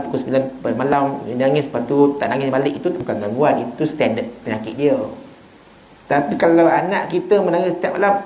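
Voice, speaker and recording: A man's voice: medium pitch, a little mellow, roomy sound, poor audio. A man with a Malaysian Malay accent gives an informal evening sermon, telling stories and acting out little dialogues with joking asides. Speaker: ustaz giving an evening mosque lecture. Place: prayer hall of a small mosque.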